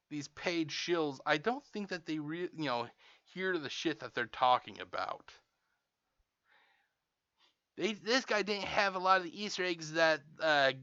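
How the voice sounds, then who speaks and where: A man's voice: on the high side, bright, forceful tone, dry recording, muffled recording. A man hosting a reaction video, ranting in exasperation and swearing constantly as he mocks what he hears. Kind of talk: profane ranting reaction commentary.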